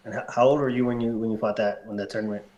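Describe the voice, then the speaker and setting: A man co-hosting a live stream interview, asking halting, stumbling questions. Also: lowish voice, fairly even intonation, darkish tone, muffled recording. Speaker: co-host. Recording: echoey room.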